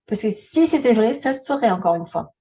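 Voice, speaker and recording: Dark-voiced, slightly husky woman vlogger. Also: fairly high pitch, expressive, far from the mic. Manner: conversational, halting, posing rhetorical questions. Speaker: video channel host, author and relaxation therapist. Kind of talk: casual vlog talk addressed to the viewer.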